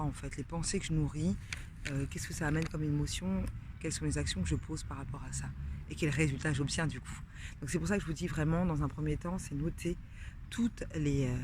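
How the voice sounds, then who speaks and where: A woman's voice: sits low, noisy background. A woman coach talking casually to camera, addressing the viewer directly with many fillers and sometimes dropping to a whisper. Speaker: sex and couples coach. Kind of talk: casual advice vlog to camera.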